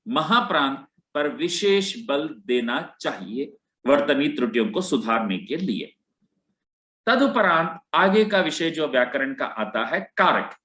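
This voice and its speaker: Male lecturer, slow and deliberate, lively pitch, roomy echo; walks through slides with question-and-answer. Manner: asks rhetorical questions and answers them; deliberate, spells out example words. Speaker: lecturer on Hindi teaching.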